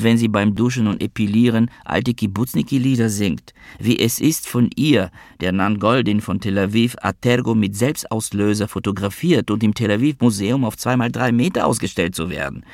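A man narrating an audiobook in a dry, unhurried reading. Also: lowish voice, vocal fry, no echo.

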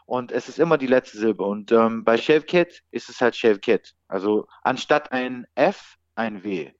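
A male rapper in an interview, calmly explaining things in a relaxed, patient way. His voice sits in a middle range and sounds dry and close, a little muffled. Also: medium pitch, unhurried, dry recording. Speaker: rapper guest. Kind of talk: casual interview chat. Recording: dry, slightly dull interview audio.

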